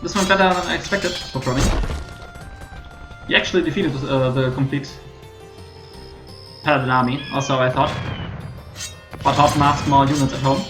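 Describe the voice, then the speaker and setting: A man's voice: mid-range voice, fairly even intonation, normal speed, long pauses. A man with a German accent giving live commentary on a strategy game as a streamer, in a conversational, slightly hesitant way. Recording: roomy echo, music behind. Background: music.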